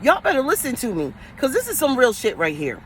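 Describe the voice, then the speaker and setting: Her voice is high-pitched and swoops wildly, moving fairly quickly over slight background noise. A spiritual advisor from Queens, NYC, with the accent to match, she delivers a casual, profane livestream rant, blunt and streetwise with plenty of slang.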